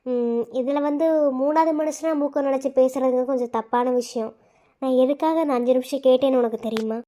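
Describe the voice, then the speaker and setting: A woman's voice: high voice, fairly even intonation, brisk, dark tone, natural voice. A woman voicing a blunt young man in a cartoon who lectures the other character. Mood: lecturing. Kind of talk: cartoon voice acting.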